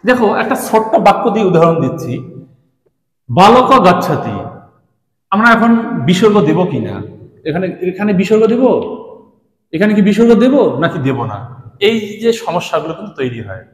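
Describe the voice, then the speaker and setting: A man's voice: high-pitched, sing-song, fast. A man teaching Sanskrit grammar in speech, patiently repeating examples and speaking directly to his students. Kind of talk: classroom grammar lesson. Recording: echoey room with long reverb.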